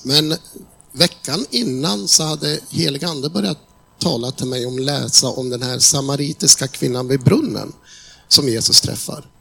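A man's voice: medium pitch, gravelly, sharp tone, slight background noise. A man telling a religious testimony as a vivid story, acting out the dialogue as he goes. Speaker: preacher.

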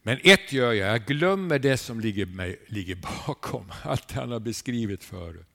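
Male preacher, mid-pitched with a gravelly edge; fervent sermon delivery, heavy on rhetorical questions. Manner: asks rhetorical questions, tags lines with a questioning "eh?"; animated storytelling with sudden rises in volume.

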